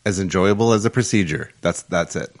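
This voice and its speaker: A man's voice: sits low, fairly quick. A man co-hosting a casual chat, playful, trailing off and laughing often. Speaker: co-host.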